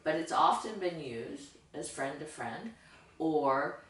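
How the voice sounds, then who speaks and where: Low-voiced woman, off-mic in an echoey room. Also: lively intonation, takes it slowly, a bit bright. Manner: explaining with examples, affirming. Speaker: co-host. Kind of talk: casual discussion. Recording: distant echoey room with faint noise.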